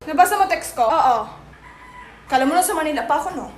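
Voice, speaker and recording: A woman performing comic family sketches, bickering in quick back-and-forth exchanges. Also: high voice, expressive, a little hiss or hum. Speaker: comedy skit creator.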